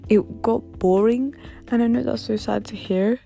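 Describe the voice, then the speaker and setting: A woman in her late teens talks on her own podcast at home, rambling from one thought to the next and giggling as she goes. Her voice is warm and dark, with plenty of vocal fry. Faint music sits under her voice. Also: on the high side, steady tone, unhurried. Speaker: podcast host. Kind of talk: casual solo podcast chat.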